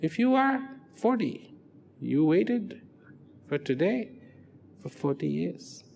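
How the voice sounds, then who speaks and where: A man giving a dramatic motivational narration, slow and emphatic, asking rhetorical questions and sometimes dropping to a near whisper. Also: high-pitched, sing-song, creaky, a little mellow, a little hiss or hum.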